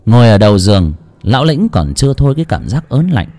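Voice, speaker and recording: A man narrating a ghost story in a dramatic, animated storytelling voice. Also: mid-range voice, fast. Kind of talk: scripted horror narration. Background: faint background music.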